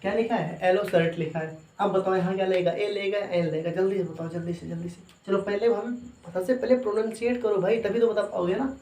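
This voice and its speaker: A man's voice: high voice, steady tone, fairly quick, hardly any pauses, a little mellow, slight background noise. A male teacher gives a lecture, asking questions and answering them himself, and repeating them often. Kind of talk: classroom lecture. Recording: echoey room.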